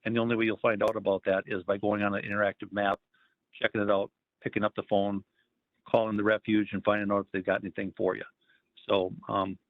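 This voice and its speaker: A man's voice: on the low side, gravelly, no room sound. A man speaking over a phone line on an online call, giving a casual career talk with lots of ums and uhs. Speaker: federal wildlife agency staffer giving a career talk. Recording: tinny phone line, dry.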